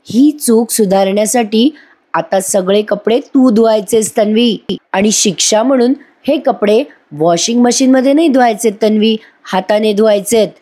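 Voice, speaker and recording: In a serial recap, a woman uses her natural, warm, fairly high voice at a moderate pace to portray the household's stern elderly matriarch. The grandmother character is commanding, scolding, and barking orders.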